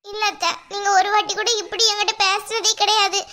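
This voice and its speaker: A woman plays a meek young daughter-in-law in a cartoon. Her voice is very high and bright. She pleads softly and tearfully with her stern mother-in-law. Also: little pitch movement, fairly quick. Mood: pleading. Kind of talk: cartoon voice acting.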